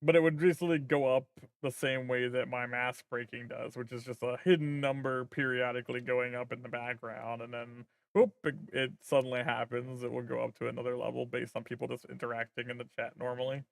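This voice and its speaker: A male vtuber streamer chatting casually with his viewers, rambling and thinking aloud with plenty of fillers. His voice has a gravelly edge, recorded dry and close with no room sound. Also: medium pitch, little pitch movement, brisk, few pauses, no echo. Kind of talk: casual stream chat while working.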